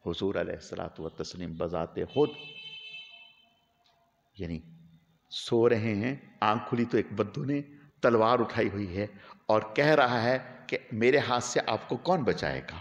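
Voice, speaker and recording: A man preaching a weekly sermon, telling a story with animated swings between quiet narration and emotional peaks. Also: on the low side, vocal fry, muffled recording. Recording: long hall reverb.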